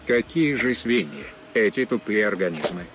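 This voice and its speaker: A man's voice: lowish voice, animated, moderate pace. A man voicing a foul-tempered robot dog through a robotic voice effect, grumbling insults. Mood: irritated. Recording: distant with loud noise.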